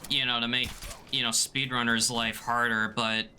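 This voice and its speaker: A man's voice: mid-range voice, flat delivery, moderate pace, bright, forceful tone. Casual male gaming commentator, noisy background. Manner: conversational, rambling, frequent "you know". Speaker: speedrunner commentating on a game run. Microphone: headset.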